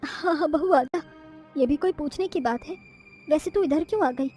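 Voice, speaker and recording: A woman's voice: sits high, moderate pace, warm tone, soft background music, close to an everyday voice. A woman voicing a caring, firm mother-in-law in a cartoon story, speaking in a homely, reassuring way. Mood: soothing.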